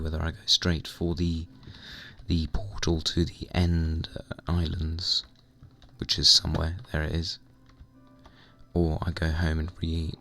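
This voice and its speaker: A young man with a hoarse, croaky voice, chatting casually and rambling while playing a computer game. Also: extremely low pitch, fairly bright tone. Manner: rambling, chatty, mild swearing. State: hoarse, recovering lost voice. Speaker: gaming vlogger. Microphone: desk microphone at computer.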